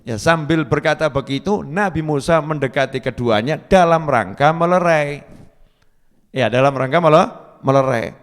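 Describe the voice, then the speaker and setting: A man's voice: fairly high pitch, moderate pace. A man with an Indonesian accent giving a storytelling sermon, acting out quoted speech and reciting Arabic verses. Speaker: preacher. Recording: long hall reverb.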